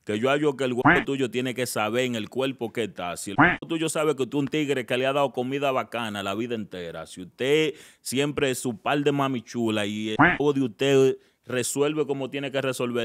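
A man's voice: mid-range voice, moderate pace, hardly any pauses, a bit bright, no room sound. A man giving frank dating advice in a casual chat, joking and often laughing as he acts out lines. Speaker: guest relationship advisor.

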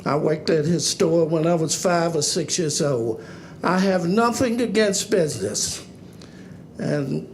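A man gives a plain acceptance speech as a local councilman. He talks very slowly and haltingly, in short broken phrases, with a slightly high voice. There is faint noise behind him. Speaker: newly sworn city councilman.

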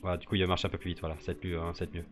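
Low-voiced man thinking aloud on stream. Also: monotone, rapid-fire. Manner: thinks aloud, many fillers and restarts. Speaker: streamer building a 3D model live. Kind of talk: casual live-stream commentary.

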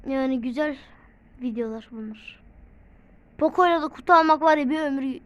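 A woman hosting a gaming channel, giving excited gameplay commentary. She shouts and repeats words in bursts and swears playfully at her teammates. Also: high-pitched, normal speed. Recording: slightly dull with faint background noise.

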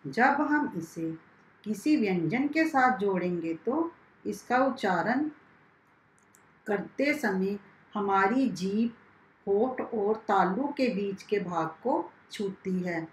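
A woman teacher leads a primary school lesson at a very unhurried pace. She spells out each sound carefully, as if for young children. Her voice carries a clear echo from the room around her. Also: mid-range voice, lively intonation. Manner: slow, carefully spelled-out classroom instruction. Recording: echoey room.

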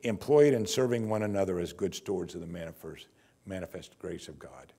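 An older pastor delivers a sermon from a church pulpit, speaking in a lively, conversational, wry manner through a lapel mic. His voice is low, husky, and fairly quick.

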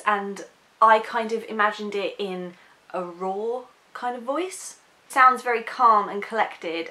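A woman's voice: mid-range voice, fairly bright tone. A woman chatting casually as a book vlogger reacting to a teaser, candid and a little apologetic.

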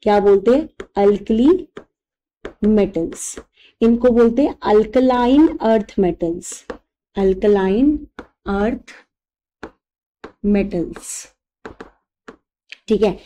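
A woman teacher giving a chemistry lesson, slowly dictating memory tricks, mixing Hindi with English terms and checking in often. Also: mid-range voice, dark tone. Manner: slow, repetitive dictation of mnemonics; checks in with "thik hai".

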